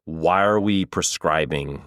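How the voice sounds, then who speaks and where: Deep-voiced dude in his 30s rambling on a podcast, super dry close sound. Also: slow, fairly bright tone, dry recording. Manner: rambling, long-winded, casual swearing. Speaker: improviser and guest. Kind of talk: casual podcast chat.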